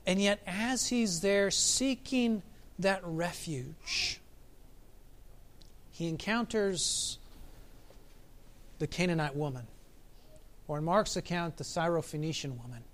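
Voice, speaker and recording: A man preaching a sermon as pastor, reflective, asking his listeners questions and slowing down for emphasis. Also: high voice, animated, fairly bright tone. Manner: reflective, asks the congregation questions, varies pace for emphasis.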